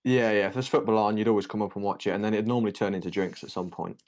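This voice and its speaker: A man's voice: lowish voice, fairly even intonation, very fast, a little mellow. A young man co-hosting a podcast, retelling a night out in an easygoing, laughing way. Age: young adult. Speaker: podcast co-host. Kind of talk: casual chat.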